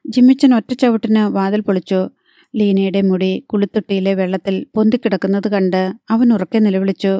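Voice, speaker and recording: A woman reading a novel aloud as an audiobook narrator in a measured, even storytelling manner, close to the mic. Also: medium pitch, dry recording.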